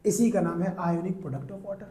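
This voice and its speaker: ऊँची आवाज़ वाले केमिस्ट्री टीचर, गूँजता कमरा. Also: male voice, high voice, mellow, roomy sound. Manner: asks students rhetorical questions and answers them; mixes English terms into his talk, drawn out slowly. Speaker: chemistry teacher. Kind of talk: classroom lecture.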